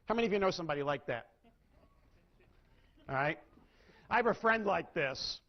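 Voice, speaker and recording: A middle-aged man speaks to a seminar audience, often asking them a question and answering it himself. His voice sits high and swings widely in pitch. The sound is dull and lo-fi, like an old recording of a live talk. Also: animated, moderate pace. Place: lecture room with audience.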